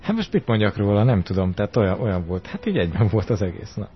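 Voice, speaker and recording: A man co-hosting a casual radio chat, dropping in dry, matter-of-fact comments. His voice is low. The audio is muffled and lo-fi, like an old compressed radio recording. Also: big pitch swings, faint music behind. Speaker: radio show co-host.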